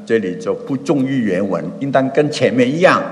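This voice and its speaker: A man preaching a sermon and explaining scripture, reading verses slowly and dramatically. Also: medium pitch, animated. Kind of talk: sermon with Bible exposition. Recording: long hall reverb.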